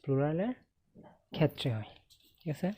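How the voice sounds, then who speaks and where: A Bangladeshi-accented man teaches English grammar in an online lesson, his voice on the high side, very animated, mellow and a little breathy, at a normal pace. He poses questions to the class, answers them himself, and closes his points with a checking "okay?"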